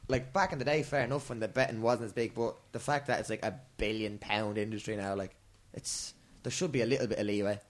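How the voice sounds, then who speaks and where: A man's voice: lowish voice, steady tone, fast talker, few pauses. Irish man chatting colloquially on a podcast. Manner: colloquial, bantering. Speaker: podcast co-host. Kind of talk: casual sports chat.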